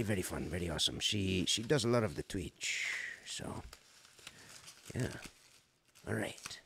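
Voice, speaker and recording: A voice actor hosting a casual livestream, unboxing fan mail and exclaiming excitedly in a rambling way. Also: male voice, lowish voice, creaky, slight background noise.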